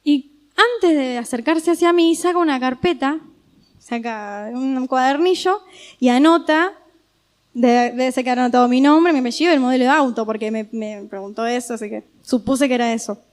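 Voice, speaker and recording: A woman with an Argentine Spanish accent preaching a sermon, telling a personal story in a lively, conversational way. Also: high-pitched, normal speed.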